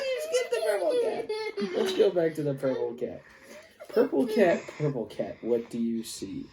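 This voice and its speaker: An adult reads a picture book aloud to a young child, leading them in a playful, sing-song, exaggerated manner like a parent. The voice is mid-range, and the poor audio carries a little hiss or hum.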